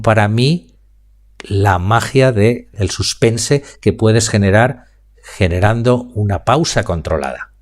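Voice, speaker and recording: A man with a Spain Spanish accent teaches public speaking in a live online class, answering chat questions and slowing down to demonstrate pauses and emphasis. His voice is mid-range with a darkish tone.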